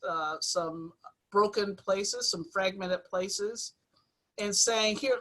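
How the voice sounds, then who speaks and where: A woman church leader speaking on an online panel over a video call, measured and slowing down on key phrases. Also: medium pitch, a bit bright. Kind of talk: panel discussion remarks.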